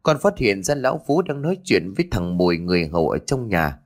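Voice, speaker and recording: A man's voice: low voice, animated, fast. A man voicing an earnest young village man who gives urgent, pleading testimony through tears.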